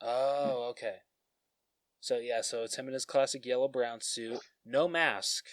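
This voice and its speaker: A man's voice: mid-range voice, fairly even intonation, a little slow, dry recording. A man co-hosting a casual podcast chat, rambling and self-deprecating, laughing often as he describes collectible toys. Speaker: podcast co-host.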